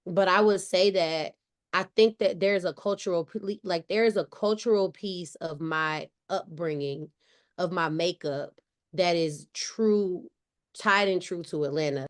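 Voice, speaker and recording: Raised in Cleveland, Ohio, this woman speaks on the low side and unhurriedly, with a slight Southern lilt. She's a guest on a podcast, chatting loosely and leaning on "like," often starting over mid-thought.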